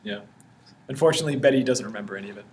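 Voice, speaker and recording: A man's voice: mid-range voice, rapid-fire, darkish tone, a little hiss or hum. Giggly man running a tabletop game. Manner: giggly, loose, lots of fillers. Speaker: game master.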